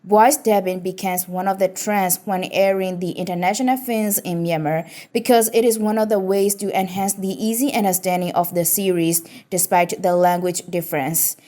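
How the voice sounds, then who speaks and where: A woman's voice: fairly low pitch, steady tone, moderate pace, few pauses, dark tone. A woman delivering a scripted radio news report.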